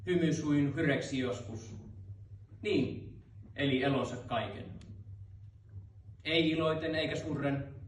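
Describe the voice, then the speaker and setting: A man's voice: fairly high pitch, a little hiss or hum. Man chanting old verse in an echoey hall. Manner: rhythmic, chanted. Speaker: performer. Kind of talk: chanted runic verse narration. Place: live cultural venue. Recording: roomy hall, mic far off.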